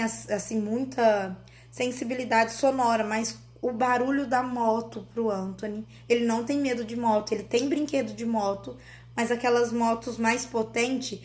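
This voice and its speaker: A woman's voice: on the high side, steady tone, normal speed, darkish tone. A woman, a mother telling her child's story to viewers in an earnest, explanatory vlog.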